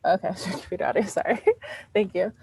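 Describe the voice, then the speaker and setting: A woman's voice: mid-range voice, fairly quick, a little mellow, husky, no echo, rough recording. A woman giving an informal presentation on fair housing over a video call, with many ums and restarts. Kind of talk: presentation at an online meeting.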